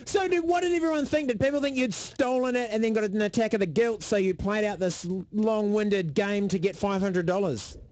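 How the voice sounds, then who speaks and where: A man's voice: high voice, fairly quick, few pauses, no room sound. A man with a New Zealand accent co-hosting a radio show, telling stories in playful banter. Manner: animated, playful storyteller. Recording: radio broadcast played back.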